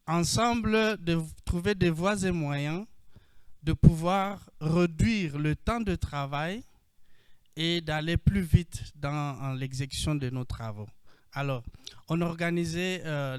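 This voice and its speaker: A man with a Congolese French accent speaks slowly and deliberately on a video call, pausing often with hesitations as he introduces himself to a panel. His voice sits a little high and sounds clear and smooth, and the recording is dry with no room sound. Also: dry recording. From Democratic Republic of the Congo. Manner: measured, with frequent hesitations. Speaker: panelist, co-op founder.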